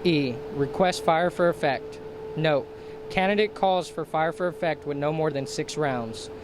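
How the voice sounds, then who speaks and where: At a measured pace, a man with a slightly high voice gives formal, scripted military instruction, enumerating each procedure in turn. Clear, steady ambient noise sits behind him.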